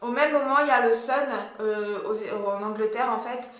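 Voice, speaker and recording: A woman's voice: on the high side, normal speed, fairly bright tone. A woman with a French accent explaining a court case in a casual, hesitant way, with many fillers and self-corrections. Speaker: commentator. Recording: very echoey room.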